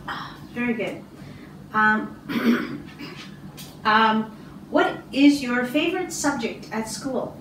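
A middle-aged woman from Canada, an English teacher giving a speaking test, slow and encouraging with many ums and throat clears. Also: on the high side, animated, fairly bright tone, a little hiss or hum. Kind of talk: slow, patient test interview. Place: small classroom office, indoors. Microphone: far camera. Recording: roomy, distant camera sound.

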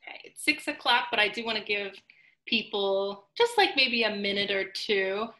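A woman's voice: medium pitch, animated, normal speed, pushed and bright, echoey room. A woman hosting a live online cooking class on a video call, chatty and upbeat with lots of fillers. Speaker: host.

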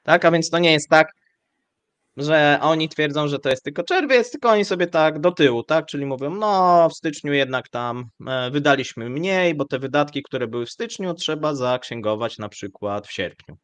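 A man hosting live economic commentary, speaking in a measured, hesitant way with frequent fillers. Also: on the high side, a bit bright, clear, resonant tone, no room sound. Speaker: show host.

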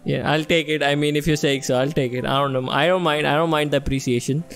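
A man's voice: fairly high pitch, fairly even intonation, quick pace, creaky, a bit bright, faint music behind. A man bantering casually as a podcast guest, using slang and swearing and mixing Hindi into English. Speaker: podcast guest and quiz contestant.

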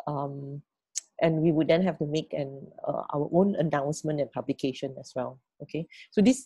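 A woman's voice: low-pitched, mellow, breathy edge, no room sound. A middle-aged woman leading an online team meeting on a video call, often repeating words as she thinks and checking in with "right?" and "okay?". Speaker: team leader.

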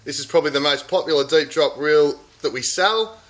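A man's voice: on the high side, fairly quick, fairly bright tone. A middle-aged Australian man hosting a weekly fishing report from inside a tackle shop, chatting about catches and specials in an upbeat sales patter. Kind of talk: casual product and fishing report. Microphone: camera at close range.

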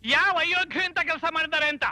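A man's voice: very high voice, steady tone, fairly quick, sharp tone, heavily acted. An actor playing a stern, comic schoolteacher who scolds his pupils in a mock-stern way. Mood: scolding.

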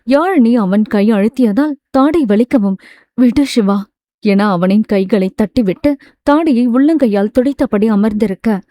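Woman reading a novel aloud, steady storytelling, mellow dark voice, dry close mic. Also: a little high, dry recording. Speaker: audiobook narrator. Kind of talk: scripted narration.

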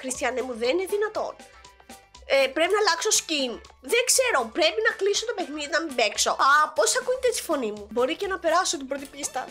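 A young woman, sick with a sore throat, giving excitable gameplay commentary as a gaming YouTuber. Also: sits high, faint music behind. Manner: excitable, exclaiming at the game.

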